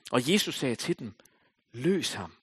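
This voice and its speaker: A male pastor preaches a sermon, reading scripture aloud and then discussing it. He swings from loud calls to soft, almost whispered lines. His mid-range voice is very animated and slightly rough.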